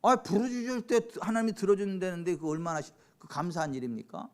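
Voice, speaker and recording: A middle-aged man preaching a sermon as pastor, swinging from hushed talk to sudden shouts and slow, solemn scripture reading. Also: high voice, lively intonation.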